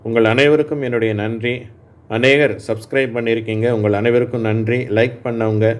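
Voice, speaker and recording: A man's voice: mid-range voice, little pitch movement. Man teaching English phonics in Tamil. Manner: slow, clear drilling of sounds for repeating. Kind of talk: spoken lesson for adult learners.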